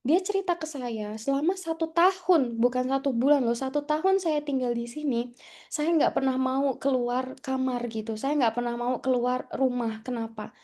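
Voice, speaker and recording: A young woman from Indonesia talks to a class of students in a chatty storytelling way. She uses many tag fillers and slips English words into her speech. Her voice is high and soft, with a mellow tone. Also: moderate pace. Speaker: guest speaker at an English class.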